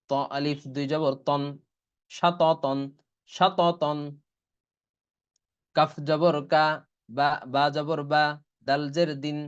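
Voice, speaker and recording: Male Quran teacher, Bangladeshi Bengali accent, slightly high voice, steady spelling drill. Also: smooth, muffled recording. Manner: slow syllable-by-syllable spelling drill. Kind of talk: online Quran reading lesson.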